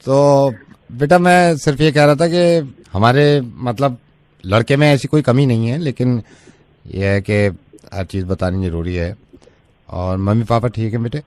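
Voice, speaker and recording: A man's voice: mid-range voice, a little slow, darkish tone, no room sound. A man hosting a radio prank call, playfully feigning innocence and sprinkling in English phrases.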